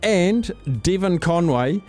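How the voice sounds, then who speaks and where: A man's voice: sits high, expressive, slow, a little mellow, faint music behind. A man hosting a radio show with casual banter. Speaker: radio host.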